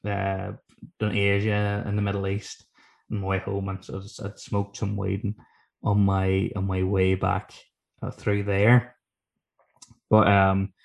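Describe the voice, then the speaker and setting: A man from talks in a fairly low voice. He tells anecdotes casually as a guest, rambling along with self-deprecating humor and plenty of swearing. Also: creaky. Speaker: guest author telling stories from his book.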